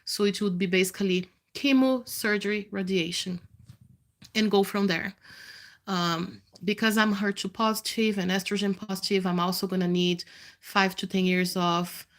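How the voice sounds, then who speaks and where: A woman's voice: medium pitch, fairly even intonation, moderate pace. A woman in her thirties with a nasal, congested voice, chatting candidly to viewers in a live video update. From Canada. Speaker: vlogger.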